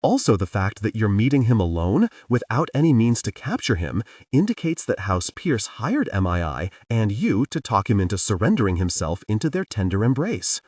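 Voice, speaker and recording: A man's voice: on the low side, moderate pace, hardly any pauses, no echo, far from the mic. A man doing a cool, calculating male mage. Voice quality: calm, blunt, calculating.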